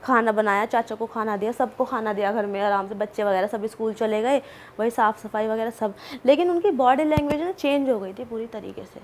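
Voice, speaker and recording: Chatty woman guest with a slightly high voice, telling a story in a loose, animated way. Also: brisk, slight background noise. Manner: chatty, animated, full of asides and fillers. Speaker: podcast guest. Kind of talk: casual storytelling.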